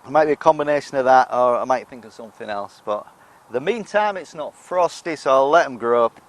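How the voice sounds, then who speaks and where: A man's voice: medium pitch, animated, brisk. A British man talking casually as he walks round his allotment garden, chatty and self-deprecating. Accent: British English. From United Kingdom. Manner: chatty, self-deprecating, talks while eating. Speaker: allotment vlogger. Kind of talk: casual garden vlog walk-through.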